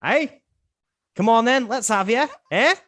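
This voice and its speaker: A man doing a shouty high-pitched dwarf brawler. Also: lively intonation, a little slow, exaggerated voice. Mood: taunting. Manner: gruff, goading, aggressive. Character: brawny hot-headed male dwarf fighter.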